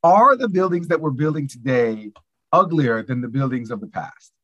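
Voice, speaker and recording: A man's voice: medium pitch, lively intonation, moderate pace, fairly bright tone, no echo, highs cut off. A man hosting a podcast interview, introducing his guest and putting questions. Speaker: podcast host.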